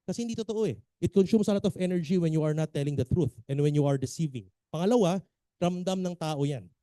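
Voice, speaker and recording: A man's voice: a little high, no echo. A man with a Filipino accent giving an emphatic seminar lecture as a business trainer, often checking in with his audience. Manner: animated, emphatic, quizzes the audience.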